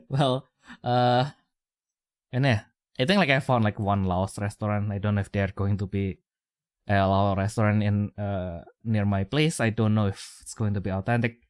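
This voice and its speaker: A man's voice: lowish voice, fairly even intonation, moderate pace, long pauses, clear, resonant tone, dry recording, studio quality. A young man with an Indonesian accent chatting casually as a podcast co-host, rambling through fillers and restarts. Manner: rambling, many fillers and restarts, chuckles often.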